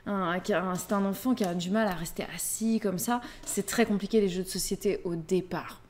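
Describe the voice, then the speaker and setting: A calm woman, co-hosting a live stream. She speaks plainly and steadily, at an ordinary pitch for a woman, as she walks through practical parenting points. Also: fairly quick. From Réunion. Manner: calm, agreeing, explains practical parenting matters. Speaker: co-host. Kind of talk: casual livestream chat.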